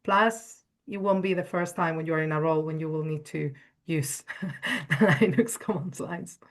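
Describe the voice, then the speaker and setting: Speaking at a moderate pace in a deep voice, a Spanish woman with a Spanish accent appears as a cybersecurity analyst guest on an online panel. She answers questions chattily and enthusiastically, often adding "right?" to the end.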